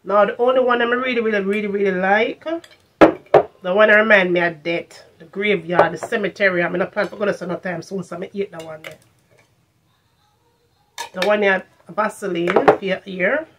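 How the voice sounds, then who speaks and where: Heavy background noise sits under this casual haul-review vlog, in which a middle-aged Jamaican woman talks to camera from a furnished room at home. Her medium-pitched voice keeps fairly even intonation at a moderate pace, and she slips into patois, repeating phrases for emphasis.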